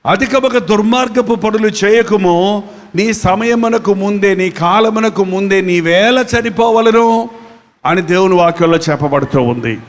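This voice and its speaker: High-voiced preacher in a reverberant hall. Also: male voice, a little slow. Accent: Telugu. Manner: repetitive, questioning the congregation. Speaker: pastor. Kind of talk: sermon.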